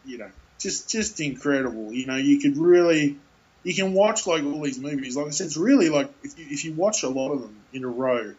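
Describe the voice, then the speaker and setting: Man, casual talker, rambles with fillers and laughs, muffled lo-fi audio. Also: mid-range voice. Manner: rambling, many fillers and restarts, laughs often. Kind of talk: casual chat about films.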